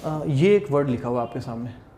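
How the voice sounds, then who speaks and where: A man's voice: mid-range voice, animated, moderate pace, background noise. A man from India with a Haryanvi Hindi accent, giving an exam-prep English grammar lecture at a whiteboard, chatty and often checking in with "theek hai". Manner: chatty, addresses students as "bachche", repeats "theek hai". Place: classroom at a whiteboard.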